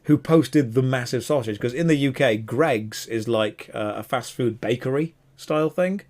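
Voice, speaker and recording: A man's voice: mid-range voice, moderate pace, a little mellow. A man co-hosting a casual podcast, talking enthusiastically and wandering off on tangents. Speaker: podcast co-host.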